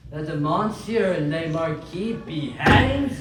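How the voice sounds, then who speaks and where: A haughty, arrogant magistrate sneers in a high, pompous voice. The radio-drama sound is very echoey and heard from a distance. Faint noise lies underneath. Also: male voice, animated, slow. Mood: scornful. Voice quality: pompous, scornful. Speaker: actor.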